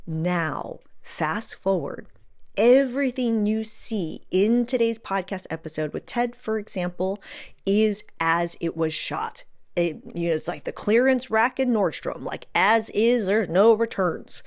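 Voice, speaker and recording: A little slow and medium in pitch, a female podcaster talks casually by herself. She gives advice as if chatting, leaning on repetition for emphasis and asking rhetorical questions.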